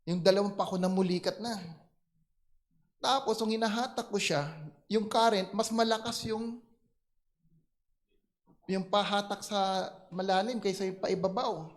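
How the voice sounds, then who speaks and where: A male pastor with a Filipino accent, preaching and telling a personal story with animated delivery and English phrases mixed in. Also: sits high, unhurried, pauses often.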